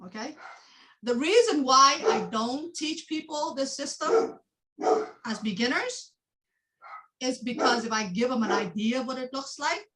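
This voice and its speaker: Meditation teacher, female, high and bright voice, animated, laughs often, restarts her sentences. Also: low-quality recording. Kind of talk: classroom teaching.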